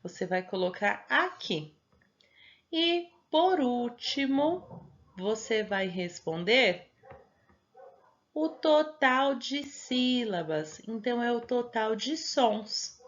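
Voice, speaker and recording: A woman's voice: medium pitch, a bit bright, lo-fi sound. A Brazilian Portuguese-accented woman teacher patiently explaining homework step by step to young children, often checking they follow. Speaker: primary school teacher.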